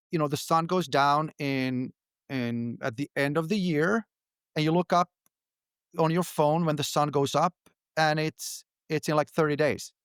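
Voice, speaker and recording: A middle-aged man from Finland, answering interview questions in a relaxed, halting way with frequent restarts. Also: medium pitch, clean tone, no echo, clean studio sound. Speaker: podcast guest, company founder.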